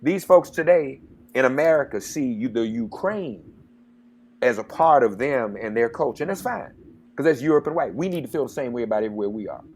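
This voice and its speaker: A man's voice: medium pitch, animated, a little fast, darkish tone. A man hosting a radio talk show, speaking with passion and getting worked up like a preacher. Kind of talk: interview and commentary.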